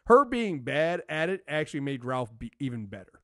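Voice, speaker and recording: A man hosting a podcast reviews a TV show, chatting casually and giving emphatic opinions while often circling back to repeat his phrases. His voice is fairly high, sing-song, and a bit bright, at normal speed with no echo.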